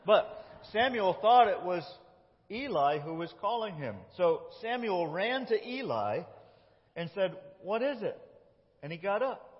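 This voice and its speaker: A pastor telling a Bible story during a sermon, acting out its lines with animated voices and directing children who act it out. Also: male voice, high-pitched, a little slow. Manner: animated, reads dialogue in lively voices. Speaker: lead pastor. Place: church sanctuary. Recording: muffled, echoey church hall.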